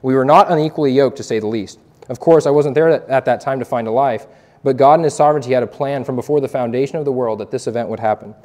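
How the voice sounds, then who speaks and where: A man's voice: medium pitch, quick pace, darkish tone. A young man and evangelist giving an earnest, preacherly testimony to a youth group, quoting scripture as he speaks.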